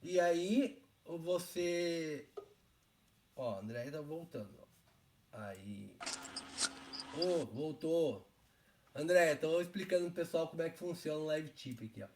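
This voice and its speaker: High-pitched chatty Brazilian man host. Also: takes it slowly, pauses often, a little mellow. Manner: chatty, explains step by step. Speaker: live stream host. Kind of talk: casual live stream chat.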